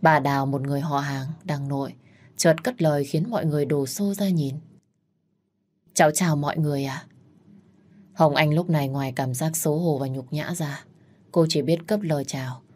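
A woman narrating a sad family story in a slow, sorrowful way. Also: deep voice, warm tone.

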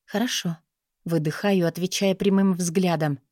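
A woman's voice: on the low side, moderate pace, a little mellow, dry recording, studio quality. A woman reading scripted first-person romance fiction as an audiobook narrator, in an intimate, sensual way.

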